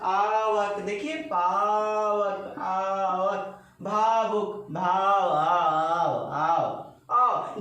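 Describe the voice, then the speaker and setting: A man's voice: high voice, a bit bright. A male teacher, giving a playful, chatty exam-prep grammar lesson and drawing out repeated words. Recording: very echoey room, voice from a distance.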